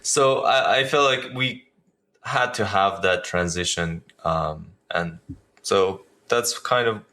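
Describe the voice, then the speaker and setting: A man with a very low voice co-hosting a podcast. He thinks out loud slowly, hedging with frequent ums and uhs as he builds his point. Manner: thoughtful, hesitant, many ums. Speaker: podcast co-host. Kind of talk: casual chat.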